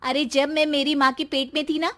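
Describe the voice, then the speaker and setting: A woman voicing a bossy, sharp-tongued young wife who scolds loudly and mocks her husband. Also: high voice, level tone, a little fast, voice pushed up. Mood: scolding. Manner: loud, scolding, sarcastic. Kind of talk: storybook voice acting.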